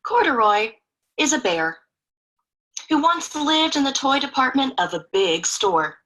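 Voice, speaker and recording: A woman's voice: sits high, very animated, unhurried, sharp tone, poor audio. A woman reading a picture book aloud expressively to children, in a chatty way with young listeners. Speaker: children's story reader.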